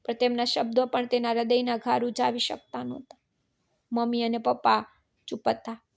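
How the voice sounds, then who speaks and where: A woman narrating a scripted family story in a flat, even reading. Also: on the high side, moderate pace, gravelly.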